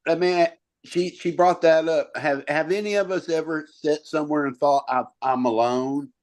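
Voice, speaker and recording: A man in a support group asking measured questions of the others. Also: on the high side.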